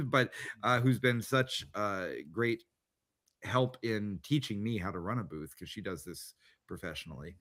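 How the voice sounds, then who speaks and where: A man with a lowish, slightly bright voice hosts a tabletop game show podcast. He chats casually and rambles, with many fillers and restarts.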